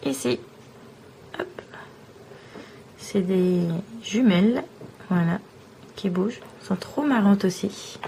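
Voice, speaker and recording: A woman vlogger showing off small trinkets one by one in a slow, admiring show-and-tell. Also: medium pitch, vocal fry, mellow, a little hiss or hum, poor audio.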